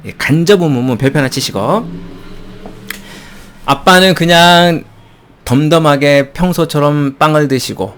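A man teaching an English textbook lesson in a playful, animated way, with chuckles between points. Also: a little high, measured pace, long pauses, smooth. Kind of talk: recorded textbook lecture.

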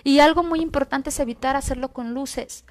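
A woman's voice: high-pitched, brisk, background noise. Mexican woman doctor explaining health tips. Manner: explanatory, lists numbered points, frequent tag questions. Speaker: doctor guest. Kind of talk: health advice interview on TV.

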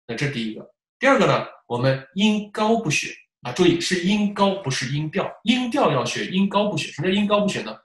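A man teaching test preparation in a lecture style, animated, asking rhetorical questions and demonstrating examples aloud. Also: high-pitched, fairly quick. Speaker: English test prep teacher. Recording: roomy echo.

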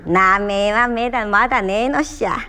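A woman's voice: mid-range voice, moderate pace, bright, forceful tone, smooth, close to an everyday voice. A woman voicing a nameless stray cat in a Miyagi dialect, reciting homely and earthy lines.

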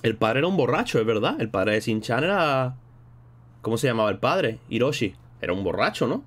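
On a live stream, a man with a mid-range voice talks fairly quickly and with a lot of animation. His chat is loose and slangy, wandering from topic to topic as he stops to thank his viewers.

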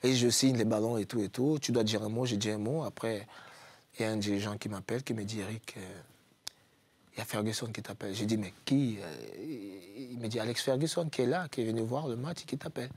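Cameroonian guy telling football stories, animated, does the coach's lines. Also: fairly low pitch, fairly quick, slightly rough, dry recording. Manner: animated anecdotes, acts out quoted coaches. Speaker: guest footballer. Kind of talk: casual storytelling.

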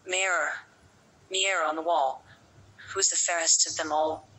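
A woman's voice: low voice, steady tone, unhurried, pushed and bright, husky, exaggerated voice, rough recording. A solemn magic mirror, voiced by a woman. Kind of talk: storybook character voice.

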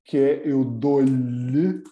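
A man with a European Portuguese accent teaching English in a live online lesson, patiently repeating example phrases slowly and clearly. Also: medium pitch, fairly even intonation, reverberant, dull audio.

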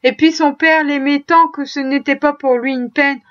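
A poor mother speaks softly, steadying her family through grief, as a woman narrator gives her voice. The tone is high and gentle. The recording is dull and lo-fi. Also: steady tone, normal speed. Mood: tender.

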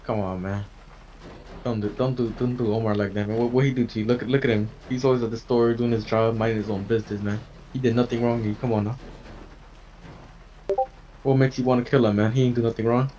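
A man with a medium-pitched, steady, dark voice plays a police negotiator in a game roleplay, talking fast with frequent pauses. His tone is coaxing and casual, like street talk. A dull lo-fi mic picks him up with faint noise.

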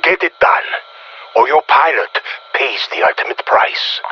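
A man voicing a stern, menacing Soviet colonel in a video game, with a Russian accent, a gruff voice and a commanding, threatening manner over a radio filter. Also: medium pitch, lively intonation, unhurried, dull audio, slight background noise. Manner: authoritative, threatening, clipped orders.

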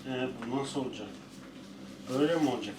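A man's voice: mid-range voice, quick pace. A man vlogging at home with his dog, playfully chatting to viewers and scolding the dog in between. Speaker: pet vlogger. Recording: echoey room, mic at a distance, faint noise.

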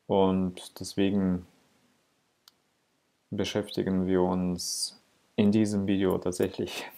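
A man teaching a grammar lesson at a slow, deliberate pace, stopping often to check that the listener follows. His voice is dark and mellow, and his pitch sits in the middle. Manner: slow, patient, with frequent "ja?" checks and fillers. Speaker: Latin teacher. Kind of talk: explanatory lesson.

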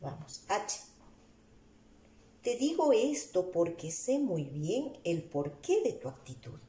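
A woman teacher with an Ecuadorian Spanish accent explains grammar at an unhurried pace, her voice rising and falling a lot. Her tone is mellow and warm. The sound is roomy, recorded in a classroom with a board. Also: lowish voice, big pitch swings. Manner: slow, explains step by step, asks rhetorical questions. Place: room with a whiteboard. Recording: echoey room.

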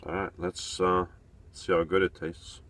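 A van life vlogger in his forties, speaking at a measured pace in a low, level, slightly bright voice, records a casual vlog inside his small camper van. He thinks aloud as he works, with fillers and restarts.

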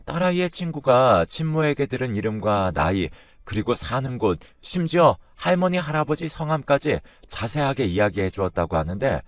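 A man narrating a scripted first-person story in a steady, measured way. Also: medium pitch, dry recording, studio quality.

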